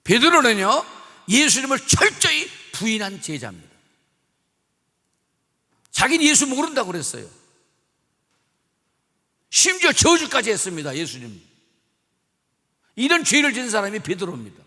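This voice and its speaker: A man's voice: high-pitched, wildly swooping pitch, moderate pace, long pauses, pushed and bright. A pastor preaching a revival sermon. He is emphatic and repeats himself, putting questions to the congregation. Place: church sanctuary. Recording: reverberant church sanctuary.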